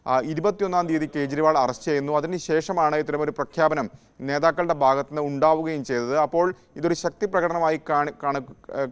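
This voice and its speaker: Smooth-voiced male correspondent reporting live. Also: fairly high pitch, a little fast. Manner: steady explanatory reporting with brief restarts. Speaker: news correspondent.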